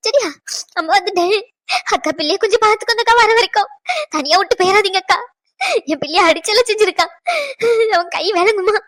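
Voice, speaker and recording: A woman voicing a distraught middle-aged mother who swings from wailing to shouting threats, in a Tamil cartoon dub. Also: very high-pitched, no echo. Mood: tearful. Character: distraught middle-aged mother, fierce to her daughter-in-law.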